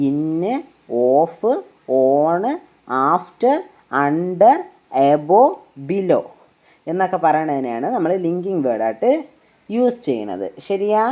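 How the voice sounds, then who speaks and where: Explaining English grammar in Malayalam, a woman with a low, mellow voice walks through each step slowly and patiently. She keeps checking understanding with frequent rhetorical questions, all captured on a dull lo-fi recording.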